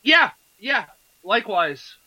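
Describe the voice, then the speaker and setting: Guy with a high bright voice, laid-back movie podcast chat, dry slightly muffled mic. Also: very animated, slow pace, dry recording. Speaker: podcast co-host. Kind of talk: casual movie review chat.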